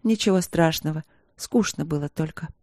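Woman narrator voicing a tired eldest sister, gentle, low-key, mellow tone. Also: normal speed, no echo, clean studio sound, lightly acted. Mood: tender. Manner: soft, tender, subdued.

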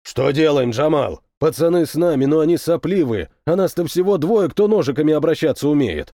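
A man voicing a rough male soldier who talks in a coarse, blunt and weary way, for an audiobook. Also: fairly high pitch, expressive, fairly quick, mellow, dry recording, clean studio sound. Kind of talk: audiobook character voice.

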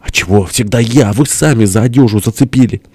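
A man's voice: lowish voice, fairly quick, a little mellow, husky, dry recording, pitched above the performer's own voice. A man voicing a simple, eager young man in an audiobook, plain and a bit sulky. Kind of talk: audiobook character voice.

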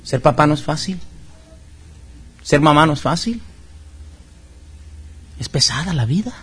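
Mexican preacher guy, husky and kinda high, gets loud then goes quiet again. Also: animated, unhurried. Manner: preaching with sudden loud rises and soft drops. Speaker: pastor. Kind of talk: sermon.

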